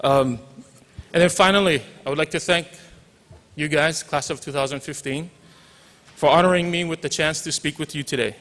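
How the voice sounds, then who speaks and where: A Hawaiian teacher in his forties, speaking with a Hawaiian accent, delivers an informal commencement speech in a large hall, sprinkling in jokes and bits of Pidgin. His voice is fairly high and fairly bright, at a normal pace, and the audio echoes with the hall's reverb.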